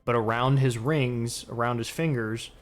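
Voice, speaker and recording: Male game master, mid-pitched, descriptive scene narration with lots of filler words. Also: steady tone, measured pace.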